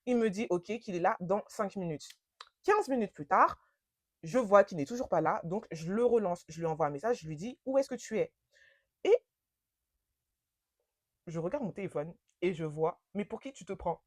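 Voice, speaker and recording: Animated young woman telling a story. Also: on the low side, moderate pace, pauses often, dry recording, studio quality. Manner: animated, slangy, emphatic retelling. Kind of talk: casual storytime monologue.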